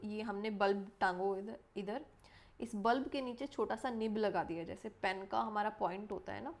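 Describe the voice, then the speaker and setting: A young woman gives an exam-prep lesson from a room at home, explaining each idea step by step. She poses questions to her students and answers them herself. She stops to correct herself and goes back over the main points. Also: medium pitch. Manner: self-correcting, repeats key points. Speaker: teacher.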